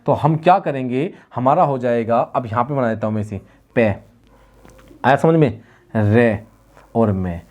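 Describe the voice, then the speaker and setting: A man teaching Hindi grammar in an exam-prep lecture. He keeps asking rhetorical questions and answering them himself, and he repeats key words slowly. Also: medium pitch, a little mellow.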